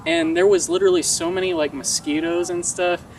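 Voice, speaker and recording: Swearing openly and playing out the lines of dialogue, a young American man shares an anecdote in a vlog. He talks briskly in a high voice with huge pitch swings, recorded from a distance with obvious outdoor traffic in the background.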